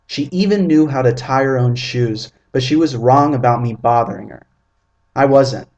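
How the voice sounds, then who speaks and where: A man in his twenties reading his own first-person story aloud in a measured, vivid, descriptive way. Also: mid-range voice, darkish tone, dull audio. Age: 20s.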